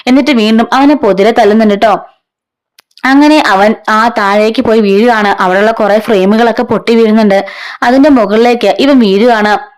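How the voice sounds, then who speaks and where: A woman's voice: on the high side, normal speed. A woman from casually retelling a serial story, chatty and conversational, quoting the characters in her own voice. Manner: chatty, adds "ട്ടോ" tags, quotes characters in own voice.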